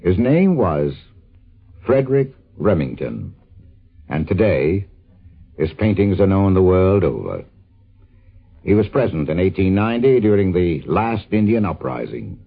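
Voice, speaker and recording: A narrow, phone-like vintage radio recording carries a male narrator. His deep, raspy voice moves expressively through scripted narration. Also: big pitch swings, measured pace, long pauses.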